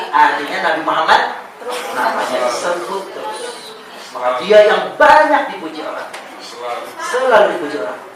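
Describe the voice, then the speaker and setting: A man teaches adult students in a classroom, quizzing them and voicing Arabic words with force. He sounds distant from the microphone in a very echoey room, with the class audible around him. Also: fairly high pitch. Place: classroom or hall with an audience.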